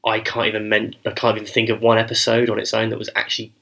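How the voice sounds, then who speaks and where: A man co-hosting a podcast, talking in casual, animated chat and swearing freely. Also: on the low side, fast. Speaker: podcast co-host.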